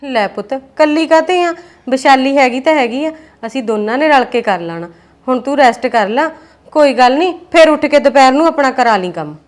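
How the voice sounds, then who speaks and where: An actress playing a gentle, patient village mother-in-law who soothes and placates her daughters-in-law. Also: high-pitched, animated, a little fast.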